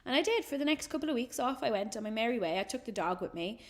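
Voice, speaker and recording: An Irish woman in her thirties tells a story in a relaxed, chatty way. She is a photographer giving a talk, and she livens it up by acting out the voices of the people she quotes. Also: on the high side, quick pace. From Ireland. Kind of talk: casual storytelling presentation.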